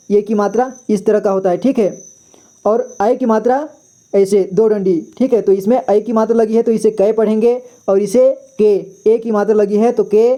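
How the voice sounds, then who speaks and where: Guy teaching letters, slow and patient, mellow voice. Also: high voice. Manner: patient, repeats syllables slowly, often says "theek hai". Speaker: Hindi teacher. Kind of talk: step-by-step lesson.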